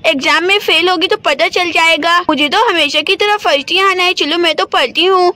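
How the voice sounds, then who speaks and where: A woman's voice: very high-pitched, normal speed, pushed and bright, dry recording. A woman voicing a smug, studious schoolgirl in a doll story.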